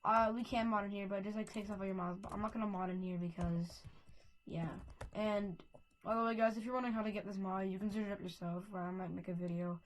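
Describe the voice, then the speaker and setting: A woman's voice: mid-range voice, fairly even intonation, fast talker. A woman giving casual, rambling game commentary on a headset mic, full of fillers and restarts, with a lo-fi sound. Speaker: gameplay video maker.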